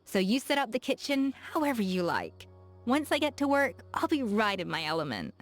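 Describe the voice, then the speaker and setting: An actress delivers game voice lines as a confident, playful young woman chef who is self-assured, curious, teasing and lively. Her voice is on the high side at a moderate pace. Faint music plays behind her.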